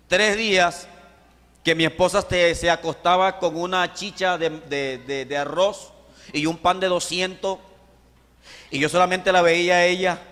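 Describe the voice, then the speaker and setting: High-voiced Colombian pastor preaching in a big hall. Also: male voice. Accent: Colombian Caribbean Spanish. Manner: animated storytelling, acting out voices, swings from shouting to hushed. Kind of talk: sermon testimony. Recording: long hall reverb.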